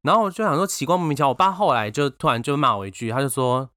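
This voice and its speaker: Taiwanese-accented guy cohosting a chatty podcast, quick and animated, bright voice, dry sound. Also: mid-range voice, no room sound. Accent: Taiwanese Mandarin. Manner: animated storytelling with bursts of laughter. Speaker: podcast co-host. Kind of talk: casual chat.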